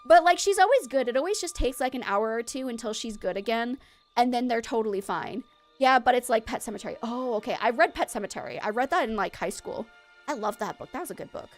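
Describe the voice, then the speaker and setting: A woman's voice: on the high side, animated, quick pace, soft background music. A woman from Maine streaming a game, chatting in a rambling way with her viewers and laughing often. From Maine, USA. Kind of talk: casual chat while streaming a game.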